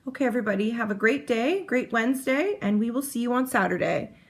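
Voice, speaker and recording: Her voice a little high, fast and lively in intonation, a heavily pregnant woman rambles chattily to camera about cross-stitching. She often cuts herself off mid-sentence.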